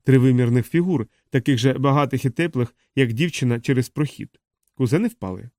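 A man narrating an audiobook with expressive storytelling. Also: medium pitch, a little fast, dry recording, studio quality. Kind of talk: scripted narration.

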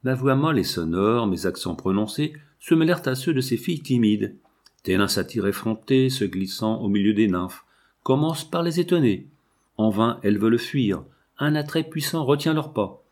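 A man reading an eighteenth-century libertine novel aloud, with expressive swings between exclamations and hushed asides. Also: mid-range voice, normal speed. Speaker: audiobook reader. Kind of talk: dramatic literary reading.

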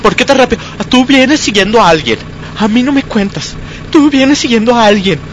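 Woman playing a high-pitched, clingy girlfriend, accusing and shrieking, sketch comedy. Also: animated, brisk, a little hiss or hum, natural voice. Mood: jealous. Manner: accusing, whiny, shrieking outbursts. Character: jealous, hysterical young girlfriend.

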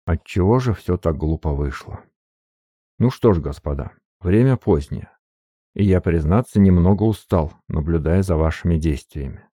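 A man voicing a suave, weary older privy councillor in an audiobook, slow, measured and courteous. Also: low-pitched, warm tone, no room sound, studio quality. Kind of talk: audiobook character reading.

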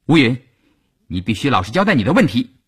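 A man voicing a shrill shouting woman cadre. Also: very animated, a little fast, breathy edge. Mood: stern. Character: indignant middle-aged woman cadre, shrill accuser.

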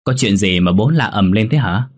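A man's voice: on the low side, lively intonation, moderate pace. A man voicing a cruel, arrogant young man who speaks in a mocking, dismissive way.

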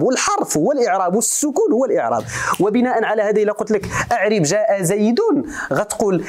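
A man's voice: sits high, darkish tone. A man from Morocco with a Moroccan accent, giving a classroom lecture as a religious scholar teaching grammar. He keeps quizzing his students and repeats each point.

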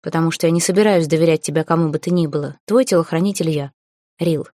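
A woman's voice: sits low, quick pace, dark tone, no echo, clean studio sound. A woman voicing a terse brooding bodyguard man. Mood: stubborn. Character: young man, guarded bodyguard, brooding and stubborn.

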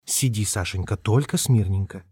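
A man's voice: lowish voice, moderate pace, warm tone, slightly rough, dry recording. Man doing a fussing short-tempered mother. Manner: doting, then scolding.

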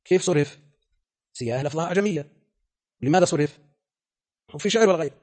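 Older male scholar lecturing on a classical text, husky, very fast, firm. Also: fairly high pitch, a little mellow. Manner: rapid, emphatic, rhetorical questions. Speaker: scholar teaching hadith terminology.

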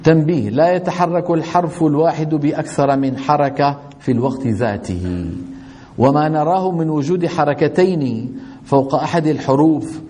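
A man's voice: fairly high pitch, normal speed, dark tone. A middle-aged man teaching a tajweed lesson, often putting questions to his students and answering them himself. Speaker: Quran recitation teacher.

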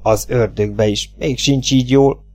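A man's voice: medium pitch, steady tone, faint music behind, natural voice. Man doing a blustering, furious sheriff. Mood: irritated, suspicious. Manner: blustering, loud and exasperated. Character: angry, humiliated middle-aged male town sheriff.

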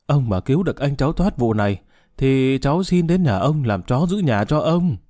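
A man voicing a drunk, emotional young man who slurs and shouts. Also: mid-range voice, expressive, normal speed, no room sound, clean studio sound, close to an everyday voice. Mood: tearful begging. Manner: slurred, shouting, tearful.

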